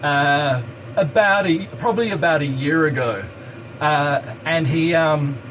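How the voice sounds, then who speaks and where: A man's voice: a little high, a little slow, fairly bright tone, slight background noise, low-quality recording. A man from Hong Kong who grew up in Australia, chatting casually and rambling as he cooks and answers viewer questions in a home kitchen. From Hong Kong, raised in Australia. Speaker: live streamer. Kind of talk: casual chat while cooking. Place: home kitchen by a hot stove.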